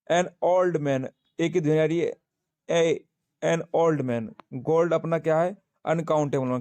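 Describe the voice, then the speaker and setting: A man with a fairly high but mellow voice teaching a grammar class for exam students. He goes step by step, asking a question and answering it himself. The sound is dry and close, with no room around it. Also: dry recording. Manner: slow, repetitive, asks and answers his own questions. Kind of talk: exam-prep grammar lesson.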